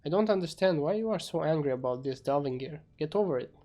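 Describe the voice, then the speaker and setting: A man's voice: fairly high pitch, expressive, fast talker, warm tone, close to an everyday voice. A man voicing an imperious, scheming demon lord with grandiose, stern commands in an amateur fantasy game story. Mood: dismissive.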